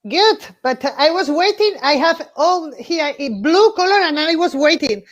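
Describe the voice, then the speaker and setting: High-voiced woman with a Basque accent. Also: lively intonation. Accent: Basque Spanish. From Basque Country, northern Spain. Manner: halting non-native English. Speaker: film-maker guest in live chat. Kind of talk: casual live video chat. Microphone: video call. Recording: dull lo-fi video-call audio.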